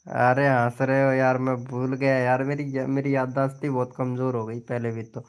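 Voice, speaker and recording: Chatty, smooth-voiced young man on a live stream. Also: mid-range voice, level tone, normal speed. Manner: chatty, teasing, talks straight to viewers. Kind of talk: casual live-stream chat.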